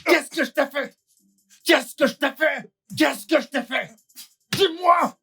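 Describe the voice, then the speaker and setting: An actor dubbing a betrayed husband who shouts furious accusations at his doctor, near tears. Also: mid-range voice, wildly swooping pitch, moderate pace, husky, soft background music, full character voice. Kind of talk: dubbed film acting.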